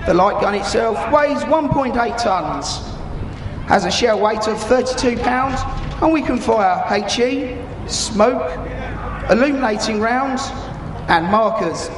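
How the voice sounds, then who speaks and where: Speaking slowly with a high pitch and lively intonation, a thirtysomething British man explains a military display to the crowd over the PA. His language is informal, and the arena sound is echoey, with crowd chatter and noise.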